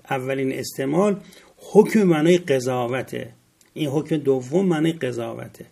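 A middle-aged man giving a classroom lecture on word roots, slowly spelling out letters and rising to stress key points. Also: mid-range voice, gravelly, a little mellow. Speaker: religious studies teacher.

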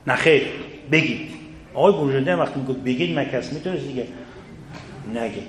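Earnest male teacher in an echoey room. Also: mid-range voice. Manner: earnest, rhetorical questions, addresses listeners directly. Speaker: seminary teacher. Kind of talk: religious lecture to students. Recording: echoey room, faint background noise.

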